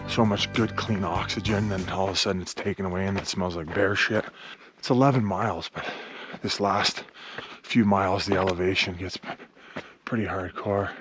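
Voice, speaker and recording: A man co-hosting a hiking show, chatting casually outdoors on a trail with a dry, teasing manner. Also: lowish voice. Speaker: show co-host.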